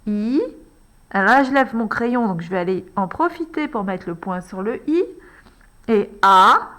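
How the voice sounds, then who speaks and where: A woman teaching a handwriting lesson to young children, slowly spelling out each word letter by letter as she writes. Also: medium pitch, expressive, fairly bright tone. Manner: slow, deliberate, spells out letter by letter. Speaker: primary school teacher.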